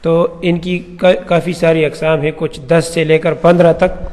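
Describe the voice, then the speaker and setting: A man's voice: fairly high pitch, flat delivery, darkish tone. Man teaching in a reverberant room. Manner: explains slowly with examples, spelling out English sentences. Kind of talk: recorded grammar lesson. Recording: echoey room with long reverb.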